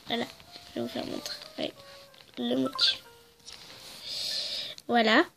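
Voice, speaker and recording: A young woman who hosts gaming videos talks hesitantly through a casual walkthrough of her game, congested with a head cold and full of fillers. Her voice sits on the high side, slow and steady in tone, creaky and a little bright. Faint music plays behind her on a rough recording.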